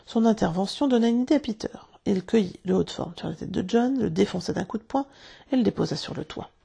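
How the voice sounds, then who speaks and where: A woman reading a children's storybook aloud in a calm, measured way. Her voice is heavily gravelly and breathy, with a dark, mellow tone. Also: medium pitch. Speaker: narrator.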